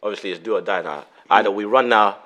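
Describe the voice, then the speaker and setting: A young man with a London roadman accent and a husky voice, chatting in slang and animatedly acting out his anecdotes. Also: on the low side, quick pace, rough recording. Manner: animated storytelling, acting out reactions. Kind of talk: casual group chat, telling anecdotes.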